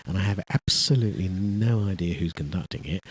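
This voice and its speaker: A man's voice: low-pitched, expressive, brisk, breathy edge, no echo. A man hosting a local radio show, chatty and joking, often repeating his words. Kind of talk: casual radio chat. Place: radio studio.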